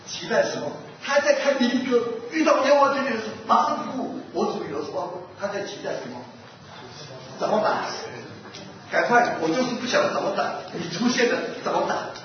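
A male pastor with a very high-pitched, fairly quick voice preaches a sermon, questioning his listeners and acting out an animal fable. The audio is muffled and noisy, captured from a distance in an echoey hall.

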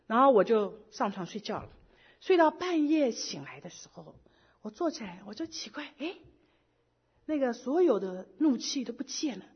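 A middle-aged woman with a high, husky voice shares a personal testimony. She tells her story in a lively way and drops English words in here and there. The recording sounds dull and lo-fi. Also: moderate pace. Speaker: church member giving a testimony.

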